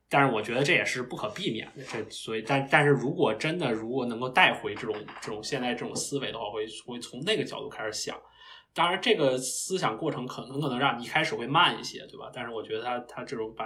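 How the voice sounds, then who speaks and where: A man's voice: medium pitch, fairly bright tone. Reflective young man, rambling podcast guest. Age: young adult. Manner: reflective, meandering, many restarts. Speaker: guest, recent PhD graduate. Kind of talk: casual podcast interview.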